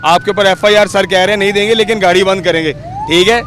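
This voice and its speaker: A man's voice: sits high, steady tone, fast, a bit bright. A man with a Pakistani Urdu accent reporting from a city roadside, firing pressing questions at people. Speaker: street reporter. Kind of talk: on-the-street news report. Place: roadside outdoors in city traffic. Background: traffic.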